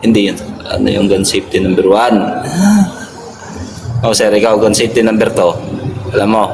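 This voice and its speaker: A man's voice: on the low side, flat delivery, moderate pace. A man on duty as a security guard, chatting casually on a phone live stream, politely thanking viewers and laughing often. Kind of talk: casual live-stream chat reading comments. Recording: phone live stream with clear background noise.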